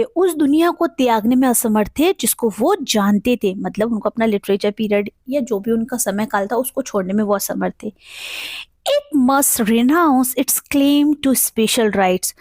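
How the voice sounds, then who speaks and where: A woman with an Indian accent teaching vocabulary online. She explains each word in Hindi and reads the English examples slowly. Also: a little high, no room sound, clean studio sound.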